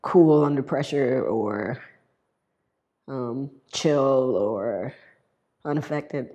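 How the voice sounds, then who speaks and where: A woman sharing a personal story in a halting way, with many fillers and restarts. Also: a bass voice, dark tone. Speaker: guest sharing her experience. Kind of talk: personal testimonial.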